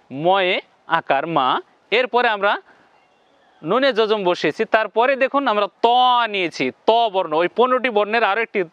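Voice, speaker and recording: A man with a fairly high voice teaches Quran pronunciation, sounding out each syllable slowly and repeating it so learners can follow. He thickens the Arabic sounds with a heavy nasal tone. The recording is dry and a little dull. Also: fairly bright tone, no echo. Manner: slow, repeats syllables for viewers to copy. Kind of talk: step-by-step lesson on pronunciation.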